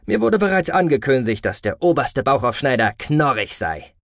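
A man's voice: mid-range voice, big pitch swings, normal speed, vocal fry, fairly bright tone, no echo, studio quality, pitched above the performer's own voice. A man voicing a young, stern alien fleet commander who speaks curtly, in a German audiobook. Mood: amused. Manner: curt and commanding.

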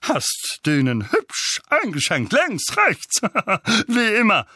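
A man voicing a blustering, irascible middle-aged uncle in an audiobook, booming and bleating with spiteful indignation. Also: huge pitch swings, slow pace, pushed and bright, husky, no room sound, studio quality, heavily acted. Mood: loud, hearty.

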